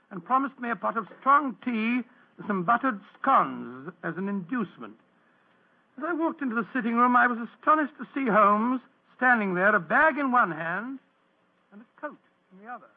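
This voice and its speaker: An actor playing a bumbling, good-natured old English doctor in a radio drama, stammering and blustery in the manner of 1940s radio. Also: male voice, sits high. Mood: recounting. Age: older. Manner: stammering, blustery, huffy, pompous. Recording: muffled old radio broadcast.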